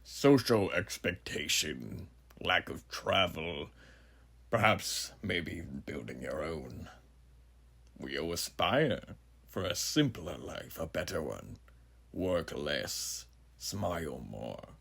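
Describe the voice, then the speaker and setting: A man playing a huge, ageless, sinister judge who muses grandly and theatrically in a horror monologue, with a gravelly, breathy voice and rhetorical questions to the listener. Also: sits low, very animated, slow pace, fairly bright tone, exaggerated voice. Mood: musing, quietly menacing. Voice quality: gravelly, husky, breathy at phrase ends. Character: huge ageless sinister philosophizing judge, menacing male drifter.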